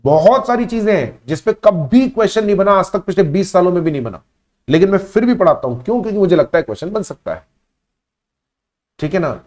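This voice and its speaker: Emphatic male teacher, slightly high voice. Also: darkish tone. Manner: emphatic, repeats key phrases, addresses students as beta. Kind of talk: live online class lecture.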